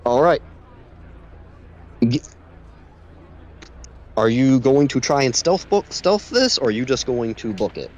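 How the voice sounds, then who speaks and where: A congested man narrating as game master, halting with many restarts and fillers, who keeps clearing his throat. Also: mid-range voice, big pitch swings, a little mellow, slight background noise.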